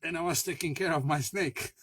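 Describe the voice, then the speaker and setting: Male storyteller, high-pitched and husky, slow casual anecdote with fillers and self-mocking laughs. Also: a bit bright, no room sound, poor audio. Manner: halting, many fillers and restarts, laughs at himself, swears. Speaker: spiritual worker telling a personal story.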